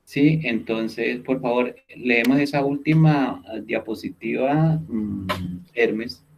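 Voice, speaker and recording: A man's voice: mid-range voice, slow, vocal fry, a little mellow, a little hiss or hum. A man teaching a class over a video call, explaining step by step and often checking in with his students. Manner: explanatory, repeats key words, checks in with "¿listo?". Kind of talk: online class lecture.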